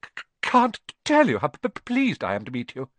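A man's voice: on the high side, huge pitch swings, brisk, fairly bright tone, no room sound, pitched above the performer's own voice. A man doing a stammering, jittery young teacher. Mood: nervous. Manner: heavy stammer, timid. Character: pale nervous young male teacher.

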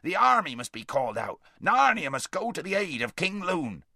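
A man voicing a gruff, impatient red dwarf who roars and blusters in an audiobook. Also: a little high, sing-song, normal speed, pushed and bright, dry recording, studio quality, voice pushed up, full character voice. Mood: urgent. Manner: roaring, blustery. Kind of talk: audiobook character voice.

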